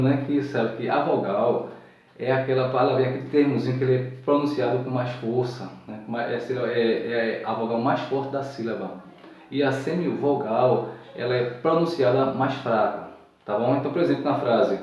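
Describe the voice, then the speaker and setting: A man giving a recorded grammar lesson, patiently repeating each point and checking that his listeners follow. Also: mid-range voice. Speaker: teacher. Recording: echoey room, distant mic, dull sound.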